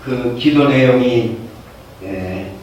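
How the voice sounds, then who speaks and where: Preacher in a booming echoey hall. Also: male voice, extremely slow, darkish tone, dull audio. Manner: conversational, with many hesitations and fillers. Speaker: pastor. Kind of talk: storytelling sermon. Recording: echoey hall heard from far off, faint background noise.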